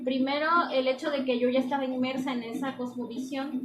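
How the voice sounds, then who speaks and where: A woman's voice: high-pitched, flat delivery, a little fast. A young woman, chatting casually in an interview and explaining with examples and many fillers. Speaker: interviewee, anthropology student. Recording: echoey room with background noise.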